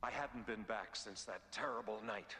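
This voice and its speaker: A man voicing a solemn, resolute masked crime fighter in an animated cartoon drama. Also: lowish voice, moderate pace. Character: brooding, resolute adult male masked vigilante. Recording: hall reverb, music underneath.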